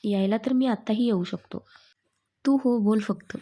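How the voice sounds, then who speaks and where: A woman voicing a young man, a gentle, teasing fiancé, speaking lower than her own voice. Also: normal speed, close to an everyday voice. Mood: affectionate. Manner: affectionate, playful teasing.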